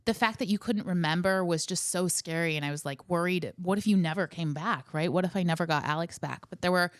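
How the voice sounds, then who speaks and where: A woman's voice: on the low side, fairly quick, no echo. Woman podcast co-host, wry storyteller, dry close sound.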